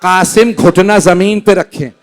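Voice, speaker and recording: In a large indoor hall, a high-voiced male cleric with a Pakistani Urdu accent gives a Muharram sermon of mourning, slowly lamenting as he recites tragic episodes.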